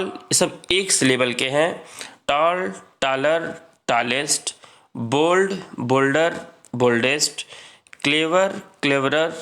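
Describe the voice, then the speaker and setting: A man teaching English grammar in a lesson, reading rules slowly and explaining them with many repetitions. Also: a little high, fairly bright tone. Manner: reads English rules slowly, then explains, repeating "ठीक है".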